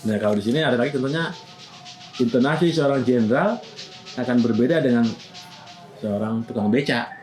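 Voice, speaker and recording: A man's voice: medium pitch, a little fast, long pauses, a little mellow, faint music behind. A man casually explaining acting methods, often breaking into short acted example lines. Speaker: acting teacher.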